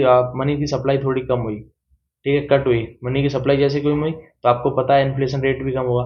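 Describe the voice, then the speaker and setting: A young man tutoring economics for exams, explaining in Hindi and reading English points slowly, with frequent "theek hai" checks. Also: mid-range voice. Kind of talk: exam-prep lecture. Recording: dull lo-fi sound.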